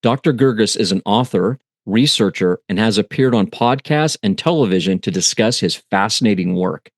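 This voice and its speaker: A man's voice: on the low side, animated, moderate pace, no echo. Upbeat male podcast co-host, dry sound. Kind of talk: podcast interview.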